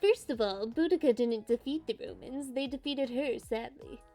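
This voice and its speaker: A woman's voice: a little high, moderate pace, warm tone, faint music behind. A woman voicing a condescending, bitter male antiques appraiser with a smug, patronizing manner.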